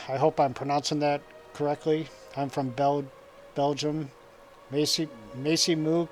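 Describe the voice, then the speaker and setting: A man's voice: on the high side, a little mellow. A man from the United States streaming a game, chatting casually, chuckling and reading comments aloud. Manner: rambling, chuckling, reads chat aloud. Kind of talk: casual live-stream chat while gaming.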